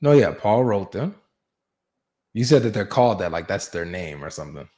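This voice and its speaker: A man's voice: on the low side, very animated, normal speed, mellow. A man hosting a live online debate stream, chatty and teasing, slipping into a hyped announcer voice. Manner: playful, teasing, announcer-like hype. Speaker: livestream debate host. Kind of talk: casual live debate chat.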